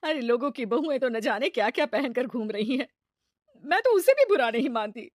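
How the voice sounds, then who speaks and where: A woman playing a kind, patient middle-aged mother-in-law in a cartoon story, speaking gently and motherly. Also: on the high side, very animated, brisk, no echo, studio quality. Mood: worried.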